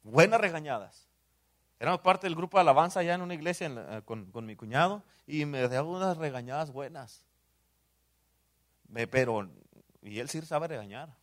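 A man with a Mexican Spanish accent preaching a sermon in church, dropping to hushed asides and rising to loud exclamations, often saying amen. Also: on the high side, lively intonation, normal speed, long pauses. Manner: swings between hushed asides and loud exclamations, repeats "amén".

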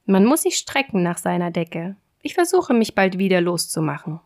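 A woman voicing a boastful little male tailor in a high, cheeky, bragging voice. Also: very animated, normal speed, darkish tone.

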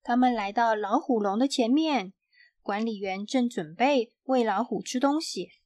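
Brief: woman reading a children's picture book aloud, very unhurried, fairly high voice, dry close mic. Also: no echo. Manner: slow, clear, expressive reading. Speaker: storyteller. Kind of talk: children's storybook read-aloud.

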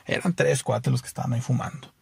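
A man with a Mexican accent telling jokes in an animated, playful way, throwing in lively exclamations. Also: mid-range voice, fast, gravelly, husky, dry recording, clean studio sound. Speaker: joke teller. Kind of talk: oral joke telling.

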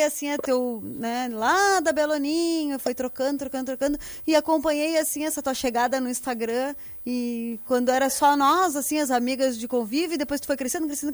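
A woman host, chatting easily and affirming her guest in a relaxed interview. She speaks in a high-pitched voice. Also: dry recording. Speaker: podcast host. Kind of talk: conversational interview.

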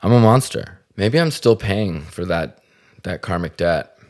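A man's voice: sits low, measured pace. A man from the Salt Lake area hosting a podcast, telling a funny story casually, swearing freely and laughing at himself. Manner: swears freely, animated and self-deprecating. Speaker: podcast host.

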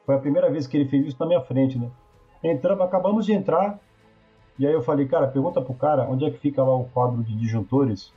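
A man with a Brazilian accent talking casually, telling animated, slangy work stories full of asides. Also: medium pitch, quick pace, breathy edge, soft background music. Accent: Brazilian Portuguese. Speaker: podcast guest talking about trade work. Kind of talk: casual chat. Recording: muffled, slightly lo-fi sound.

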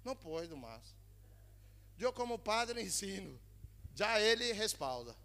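A man from Brazil preaches a sermon, slipping Spanish words into his Portuguese and calling out to the congregation. His voice sits high and cuts through brightly. It rings out with the long reverb of a church hall. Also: very animated, unhurried, creaky. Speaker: pastor. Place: church in Spain.

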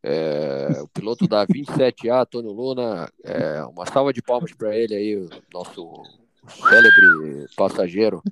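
A man's voice: fairly low pitch, wildly swooping pitch, a little slow, sharp tone, no echo, voice pushed down, heavily acted. A man putting on the voice of an airline pilot making a formal cabin announcement during a casual podcast chat. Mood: mock-formal.

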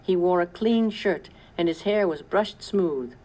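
A woman reading a children's story aloud in a measured first-person narration. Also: fairly low pitch, mellow. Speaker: audiobook narrator.

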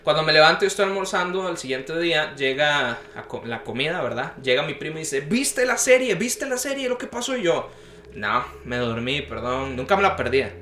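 Young adult male storyteller, animated, acts out quoted voices, slightly high voice. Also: fairly quick, a little hiss or hum. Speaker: podcast guest telling a story. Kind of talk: casual storytelling chat. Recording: roomy echo.

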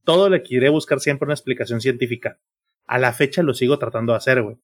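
A man's voice: medium pitch, fast. A man in his thirties with a Mexican accent, a podcast co-host who talks earnestly to his friends and fills every phrase with slang. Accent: Mexican Spanish. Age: 30s. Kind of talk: casual chat.

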